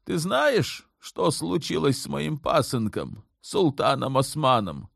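A man's voice: a little high, very animated, takes it slowly, creaky, fairly bright tone, dry recording, clean studio sound, pitched above the performer's own voice, exaggerated voice. A man voicing the sultan's mother in an audiobook, an older woman who speaks firmly and measuredly, clipped when pressed. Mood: stern. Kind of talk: audiobook character voice.

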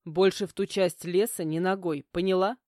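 A woman voicing a young male mentor who speaks firmly and calmly in an audiobook. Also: on the low side, normal speed, dry recording, studio quality, natural voice. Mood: stern. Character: stern young male mentor, calm and teasing.

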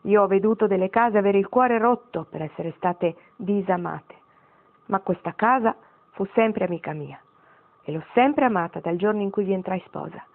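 A woman's voice: medium pitch, moderate pace, vocal fry, natural voice. Woman doing a wistful old granny in a storybook, tender and wry, tinny phone-line sound.

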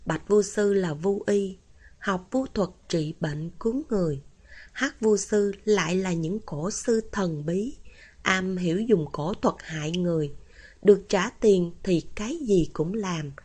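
A woman narrating a fantasy audiobook in a steady, even storytelling manner. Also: mid-range voice, measured pace, breathy edge. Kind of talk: scripted narration.

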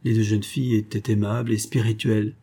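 A man narrates an old comic tale as an audiobook. His voice sits low and sounds soft and slightly husky. He lifts his pitch for the quoted lines of the characters. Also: level tone, a little fast. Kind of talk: audiobook reading of a classic story.

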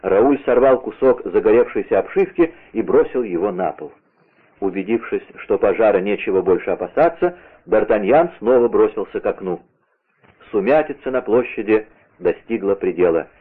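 A man's voice: on the low side, lively intonation, moderate pace, slightly rough. A man narrating an adventure novel in a vivid, theatrical reading. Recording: tinny lo-fi radio broadcast.

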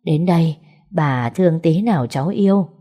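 A woman's voice: low-pitched, expressive, normal speed, mellow, faint music behind. A woman reading the lines of an elderly mother who fusses and persuades her grown son. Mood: coaxing. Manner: chatty, persuading. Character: elderly village mother, doting and bossy.

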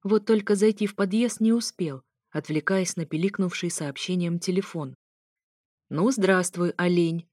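A woman reading a first-person story aloud as scripted narration, in a steady storytelling manner. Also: mid-range voice, normal speed, few pauses, no room sound, studio quality. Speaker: audiobook reader.

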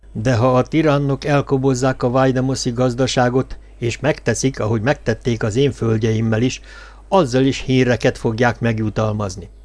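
Man voicing a cool calculating conspirator, audiobook, lecturing tone, mid pitch. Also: darkish tone, natural voice. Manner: cool, slightly irritated, lecturing. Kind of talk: audiobook reading.

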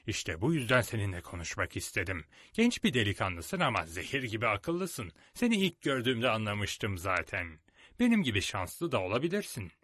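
A man reading a storybook aloud and voicing a scheming, smooth-talking one-legged pirate cook. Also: fairly low pitch, sing-song, moderate pace, a bit bright, dry recording, studio quality. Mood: persuasive. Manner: smooth-talking, coaxing, then coldly ruthless.

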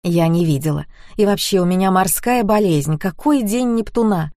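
A woman's voice: mid-range voice, normal speed, mellow, no room sound, clean studio sound, close to an everyday voice. A woman reader voicing a sleepy, grumpy young mother who pleads and grumbles wearily. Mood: weary, grumpy. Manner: weary and pleading.

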